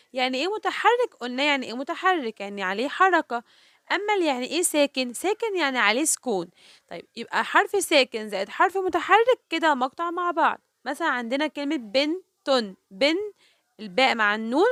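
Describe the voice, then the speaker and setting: Teaching children to read, a woman speaks with an Egyptian Arabic accent, asking questions and supplying the answers herself while sounding out example words slowly by syllable. Her voice is high and a bit bright, captured in studio quality with no echo.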